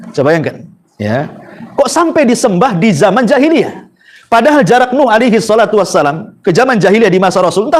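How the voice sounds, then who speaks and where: A male Islamic preacher with an Indonesian accent gives a Quran study lecture in a high, quick voice. He tells it as a story, with plenty of "eh" and mid-sentence corrections, and keeps up a brisk pace. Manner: lively storytelling with fillers and self-corrections. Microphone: microphone with audio trouble.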